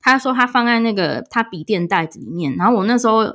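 A young woman, a podcast guest telling a story in casual chat, animated and laughing. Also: a little high, fast. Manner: animated, laughing, acts out quoted voices.

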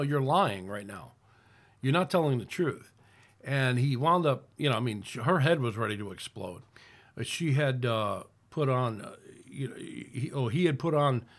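A middle-aged man from the United States giving casual political commentary as host of his own channel, rambling with frequent restarts and fillers. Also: mid-range voice.

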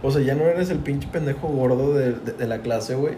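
This podcast co-host, a young Tampico native with a Mexican Spanish accent, sounds mellow here, with a medium-pitched voice at a moderate pace. The chat is loose, slangy, and foul-mouthed, with "güey" dropped over and over. The room echoes and background noise is clearly audible.

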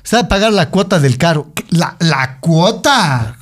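A young man banters and teases as a podcast co-host. His voice sits a little high for a man, and he stumbles and restarts phrases as he jokes along. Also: expressive, a little slow. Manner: playful, teasing, often restarts phrases. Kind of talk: casual joking banter.

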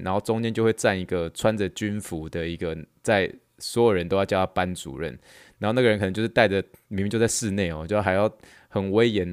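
A young man with a Taiwanese Mandarin accent, hosting a podcast and telling a story in casual chat, acting out shouted slogans as he goes. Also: lowish voice, smooth, no echo, clean studio sound. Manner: animated, acts out shouted slogans in quotes. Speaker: podcast host. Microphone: close podcast mic.

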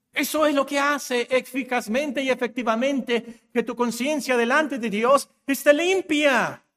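A man's voice: very high-pitched, fairly bright tone, long reverb tail. A man preaching a sermon as pastor, speaking straight to the listener in an emphatic way and repeating phrases for stress. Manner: addresses listener directly.

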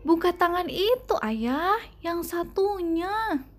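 An eager little boy who worries easily, as a woman reader puts him on in a children's storybook. Her voice climbs higher than her narration and comes out eager and exclamatory. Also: animated, slow, exaggerated voice. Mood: excited.

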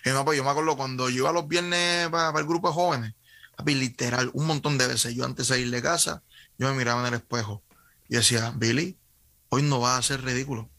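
A man's voice: mid-range voice, fairly even intonation, fast, pushed and bright, no echo. A man with a Puerto Rican accent, a guest earnestly telling his faith story in casual conversation over a video call, often restarting his sentences. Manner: earnest, frequent self-corrections and restarts. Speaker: guest sharing testimony.

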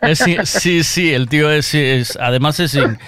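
A man with a Castilian Spanish accent and a bright, sharp voice tells stories in casual chat. His delivery is animated and colloquial, peppered with swearing. The sound is close and dry. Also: on the high side, a little slow, clear, resonant tone, no echo.

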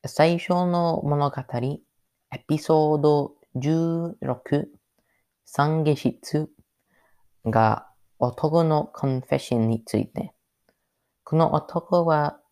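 Very slow-talking man, halting learner's speech. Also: mid-range voice, warm tone, clean tone. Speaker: podcast host. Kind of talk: solo podcast monologue.

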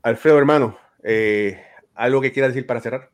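A man's voice: mid-range voice, a little fast. A man hosting a casual podcast chat over a video call, giving earnest, fatherly advice and often tagging his sentences with a questioning "right?". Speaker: podcast host.

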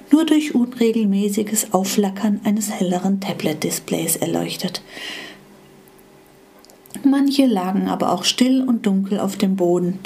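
A woman reading a storybook aloud with calm, expressive narration. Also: mid-range voice.

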